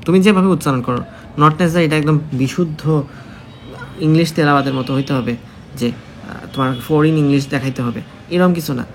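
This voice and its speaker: Male exam tutor, quick and a bit high-voiced, chatty lesson, faint hiss behind. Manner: chatty, repeats key points, addresses student directly. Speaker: exam prep teacher. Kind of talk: casual spoken lesson.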